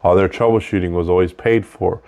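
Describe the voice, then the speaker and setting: A man's voice: deep voice, steady tone, fairly quick, creaky, phone-quality sound. A man hosting a casual unscripted monologue, talking conversationally and repeating points for emphasis, with audible breaths between his phrases. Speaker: host of a show about technical trade work.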